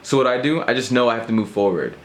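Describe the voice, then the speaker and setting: A man's voice: mid-range voice, expressive, fast, slight background noise. A man vlogging in a casual rant to camera, rambling and self-mocking as he jumps between thoughts.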